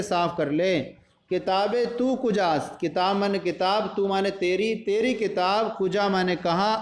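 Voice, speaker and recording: A man's voice: sits high, roomy sound. A male madrasa teacher explaining a Persian primer in Urdu, reading each phrase and then glossing it word by word with patient repetition. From India.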